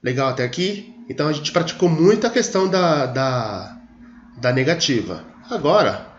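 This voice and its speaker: A man's voice: on the high side, animated, normal speed, a little hiss or hum. A man teaching an English grammar lesson, explaining patiently, stretching his example sentences and checking in with his students. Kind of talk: screen-recorded grammar lesson. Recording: echoey room, dull lo-fi audio.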